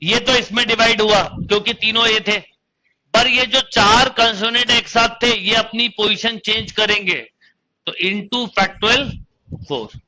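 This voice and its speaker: A man's voice: high voice, steady tone, measured pace, sharp tone. A young man with a Hindi accent teaching math in an online coaching lecture, calling students "beta" and counting through each step aloud. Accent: Indian Hindi.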